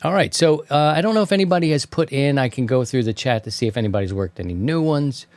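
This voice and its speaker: An American man hosts a casual radio talk show about a hobby, his medium-pitched voice expressive and fast with no echo. He tells stories in slang and throws out playful mock insults.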